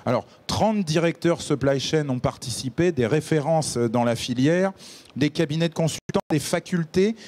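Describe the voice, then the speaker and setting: A man's voice: fairly high pitch, a little mellow. A man hosting a televised panel debate, formally introducing each guest with his title. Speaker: debate host. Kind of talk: broadcast panel moderation. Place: TV studio set.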